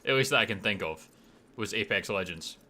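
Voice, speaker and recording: Bright Scottish man streaming a game. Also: fairly low pitch, animated, brisk. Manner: chatty, reads chat aloud. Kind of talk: casual gameplay commentary.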